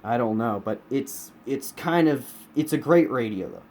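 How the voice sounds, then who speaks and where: An animated American man with a medium-pitched, darkish voice and moderate pace reviews his radio collection informally, repeating himself often for emphasis. He's behind a handheld camera inside a room at home, and the room noise comes through clearly.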